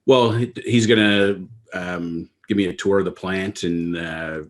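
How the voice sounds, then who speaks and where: A man co-hosting a podcast, casually retelling his own stories with animated quoted speech. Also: low voice, unhurried. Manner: storytelling, animated retelling of conversations. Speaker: podcast co-host. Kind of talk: casual chat.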